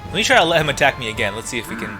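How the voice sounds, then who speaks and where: Racing along in a very animated mid-range voice, a man reacts to the game he's playing, thinking aloud and reading dialogue in casual let's play commentary. Video game music plays in the background.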